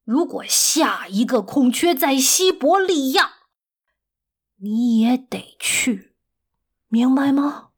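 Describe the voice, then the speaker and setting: A woman voicing a polite, stiff English gentleman manager who speaks slowly with sighing restraint. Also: high voice, expressive, breathy edge, heavily acted. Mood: stern.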